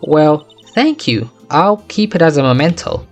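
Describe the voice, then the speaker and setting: A man's voice: a little high, very animated, unhurried, darkish tone, soft background music, exaggerated voice. A man voicing an earnest young male defense lawyer in a courtroom game, polite and upbeat.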